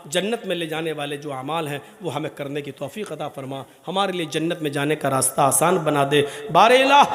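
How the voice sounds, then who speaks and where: A man preaching a sermon with impassioned delivery, rising to shouts at its peaks and chanting Arabic phrases. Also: fairly high pitch.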